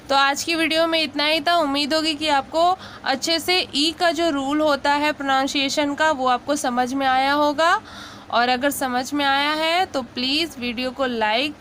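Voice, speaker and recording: A woman teaching English pronunciation in a patient lesson. She repeats each word slowly and checks in often. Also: sits high, a bit bright, a little hiss or hum. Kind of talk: slow explanatory lesson.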